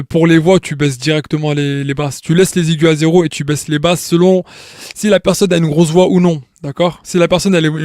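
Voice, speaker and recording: The voice is a man's, a little high and a little mellow, in clean studio sound without echo. It's an informal step-by-step tutorial where he keeps restarting, repeats words, and checks in with whoever is watching.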